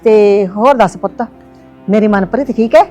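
A woman's voice: mid-range voice, moderate pace, a little mellow, soft background music, lightly acted. An actress playing an elderly village mother who pleads with and consoles her family. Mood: worried. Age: older. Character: grieving elderly village mother, tender and devout. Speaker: actor. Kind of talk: village drama acting.

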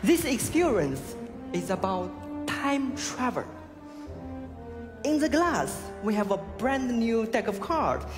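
A man in his thirties whose first language is Chinese performs magic patter in slow, careful English, upbeat and lilting. His voice carries a long theatre reverb. Music and a large audience sit behind it. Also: very high-pitched, very animated, crowd noise. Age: 30s. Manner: halting non-native English, showman patter. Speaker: stage magician.

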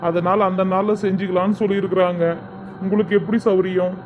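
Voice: mid-range voice, little pitch movement, brisk, over music, lightly acted. A performer playing the earnest parent of a pregnant young woman in a homemade family skit. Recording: dull recording, faint noise.

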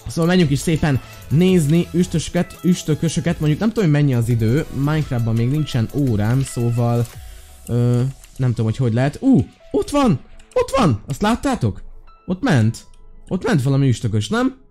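A man hosting a gaming channel, giving excitable commentary, talking to his viewers and squealing with delight. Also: medium pitch, faint music behind. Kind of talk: let's play commentary.

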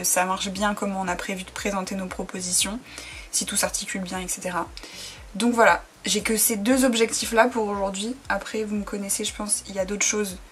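A woman's voice: medium pitch, a little hiss or hum. A young woman from France, a freelance graphic designer, chatting casually to camera in a rambling way with many fillers, sounding tired. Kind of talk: casual vlog chat to camera.

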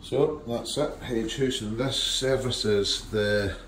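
A man giving an informal, halting walk-through tour of a wooden lodge, speaking into a handheld phone as he walks. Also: mid-range voice, fairly even intonation, fairly bright tone. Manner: unhurried, informal, halting with fillers. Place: wooden lodge rooms and hallways, indoors. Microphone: phone camera held while walking. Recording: echoey rooms with clear handling noise.

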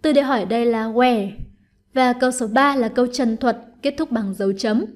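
A woman teacher giving an online lesson, explaining patiently and clearly, step by step, to her students. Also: fairly high pitch, moderate pace, a little mellow. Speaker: English teacher.

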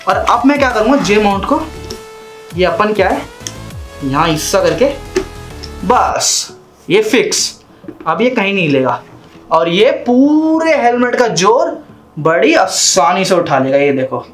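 A man's voice: high voice, sing-song, a little slow, long pauses, soft background music. A young man in a casual how-to vlog, chatting and repeating himself as he works with his hands at a desk in a small room. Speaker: vlogger.

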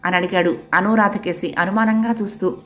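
A woman narrating a family story in a calm, measured way. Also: medium pitch.

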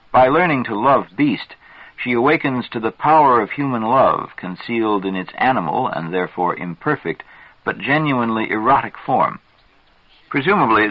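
A man reading aloud from a psychology book in measured, deliberate scripted narration. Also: lowish voice, slightly rough, no echo. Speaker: reader. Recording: dull lo-fi dry recording.

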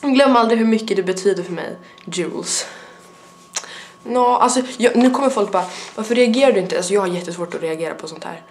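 A woman's voice: medium pitch, a little hiss or hum. A young adult woman with a stuffy nose, rambling in a casual vlog chat with lots of fillers. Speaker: vlogger.

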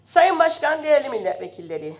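A woman speaks into a rostrum microphone in a parliament chamber. Her voice sits fairly high and swings widely in pitch as she presses her points. The delivery is impassioned and indignant, rising to loud emphasis, and she is slightly ill. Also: very animated, fast. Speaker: member of parliament. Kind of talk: parliamentary speech.

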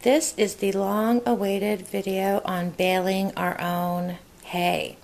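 A woman's voice: mid-range voice, vocal fry. A woman talking casually and instructionally as a DIY video host, recorded indoors. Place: indoors at a wooden table.

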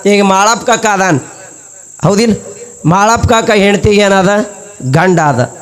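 A man's voice: high voice, takes it slowly. A man with a North Karnataka Kannada accent preaching a storytelling sermon and acting out the characters' voices. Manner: acts out characters' voices while telling a story.

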